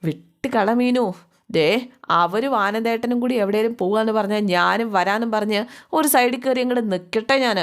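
A woman's voice: fairly high pitch, moderate pace, lightly acted. A woman doing a soothing young husband. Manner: coaxing, placating.

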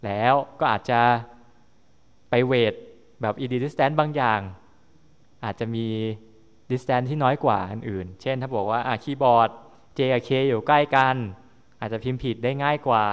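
A man's voice: mid-range voice, clean tone. Male university lecturer, mid-range voice, explaining patiently to a class in a reverberant hall. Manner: explanatory, often checking understanding with tag questions.

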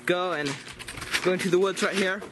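A teenage homestead vlogger explains step by step how to tap birch trees, plainly and casually, with some restarts. His voice sits high with fairly even intonation and normal speed. A camera records him in snowy woods and indoors, with loud outdoor background noise.

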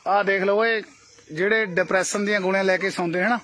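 A man with a high, bright voice, chatting and teasing the people he meets. His talk is light and full of jokes. He is recorded outdoors in a field on a handheld camera. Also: steady tone, quick pace, a little hiss or hum. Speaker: vlogger. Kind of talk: casual chat.

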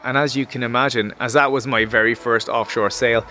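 A man's voice: medium pitch, fairly even intonation, fairly quick, sharp tone, slight background noise. A man, talking through a sailing vlog in a casual, conversational way, gesturing as he explains. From Ireland. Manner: conversational, gestures while explaining, fillers like "like" and "you know". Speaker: sailing vlogger. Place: outdoors by a stone wall.

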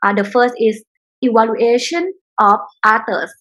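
A woman speaks as a podcast guest, her voice husky and a little breathy. She answers questions in a halting way, often pausing with "uh" between phrases. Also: fairly high pitch, expressive, fairly bright tone, highs cut off. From Thailand. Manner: halting, with frequent "uh" pauses. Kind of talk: casual interview answers.

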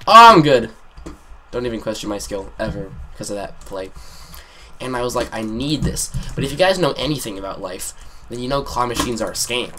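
A teenage boy telling a rambling, sarcastic storytime over his gameplay, with sudden excited yelps. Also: on the low side, fast, a crowd in the background. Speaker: gaming commentator. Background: keyboard clicks and typing.

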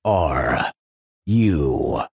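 A man making a scripted countdown announcement in a dramatic, drawn-out way, heard over a public address system. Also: rumbling low, big pitch swings, very noisy. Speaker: event announcer. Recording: echoey voice over loud hip hop music.

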